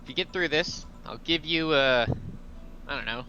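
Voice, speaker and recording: A man's voice: fairly high pitch, moderate pace, pushed and bright, muffled recording, faint music behind. A man voicing a reassuring, easygoing woman bar boss in a game, encouraging, over background noise. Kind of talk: hobby video game voice-over.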